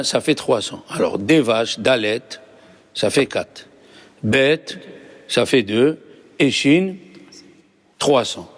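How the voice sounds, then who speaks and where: Male rabbi, lively lesson voice, patient explainer who quizzes his class. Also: mid-range voice.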